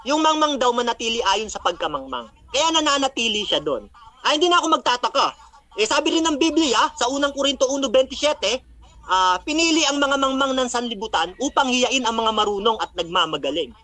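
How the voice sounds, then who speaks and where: Man, very high voice, bright, taunting, quotes scripture, laughs at opponent. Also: big pitch swings, a little fast. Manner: taunting, cites Bible verses. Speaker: religious debater. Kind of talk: mocking debate recap.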